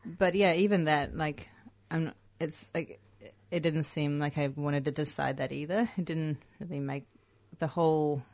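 A low-pitched Australian woman talks in a relaxed radio studio chat. She is reflective and hesitant, filling pauses with ums and likes, and often laughs as she talks. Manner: reflective, hesitant, many fillers, laughs easily. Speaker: radio co-host.

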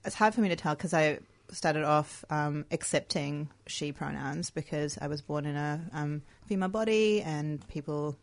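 Aussie woman on community radio, low voice, thinks out loud with lots of ums, laughs easy. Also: normal speed, few pauses. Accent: Australian. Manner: reflective, hesitant, many fillers, laughs easily. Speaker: radio co-host. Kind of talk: casual radio chat. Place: radio studio.

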